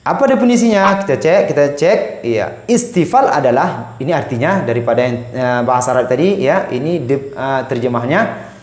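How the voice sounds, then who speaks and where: A man teaching Quran recitation rules, speaking slowly and patiently, repeating each sound many times to show it. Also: medium pitch, lively intonation, a little mellow. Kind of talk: recorded tajwid lesson. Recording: echoey room.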